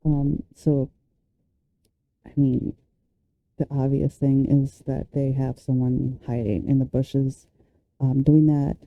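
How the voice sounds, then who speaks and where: A woman's voice: a bass voice, flat delivery, slow pace, long pauses, no echo, dull audio. A woman reacting casually to video clips, rambling with lots of fillers and the odd curse. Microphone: handheld or desk mic close up.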